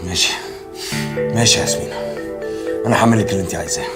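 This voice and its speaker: A man's voice: deep voice, racing, over loud music, natural voice. An actor playing a possessive Egyptian man who mocks his girlfriend out of jealousy. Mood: jealous. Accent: Egyptian Arabic. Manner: jealous, sarcastic and blustering. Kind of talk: TV drama acting.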